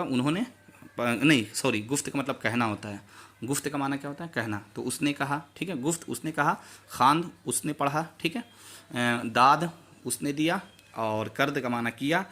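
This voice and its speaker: A man's voice: medium pitch, fairly bright tone. A man teaching a Persian grammar lesson, saying each word and its meaning over and over as a drill.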